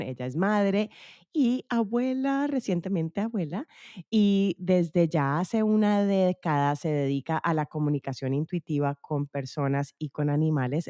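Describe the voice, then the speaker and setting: Woman, podcast host, lower voice, dry close recording, chatty. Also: mellow, dry recording. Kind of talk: casual interview.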